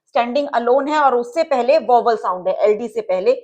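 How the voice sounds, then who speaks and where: A woman's voice: on the high side, a little fast, darkish tone, dull audio. A woman teacher giving a patient, step-by-step lesson, checking that her students follow along.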